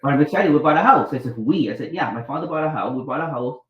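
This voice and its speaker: With a fairly high pitch, lively intonation, and quick pace, a middle-aged man from Vietnam, a doctor and author, tells his life story as a guest. He rambles, restarts a lot, and performs quoted dialogue, while the audio comes across dull and reverberant.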